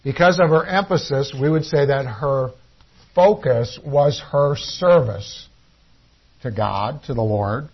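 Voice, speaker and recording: A man's voice: mid-range voice, takes it slowly, husky. A man preaching a sermon in an earnest teaching tone, often restarting his sentences. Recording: dull lo-fi recording.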